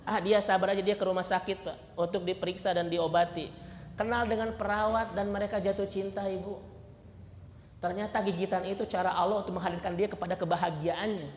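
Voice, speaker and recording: Preacher guy, kinda high voice, keeps asking the crowd questions, big echoey hall. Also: little pitch movement, a little fast, a little hiss or hum. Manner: addresses congregation constantly with "Pak" and "Bu"; asks the audience rhetorical questions. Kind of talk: sermon. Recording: echoey hall, faint ambience.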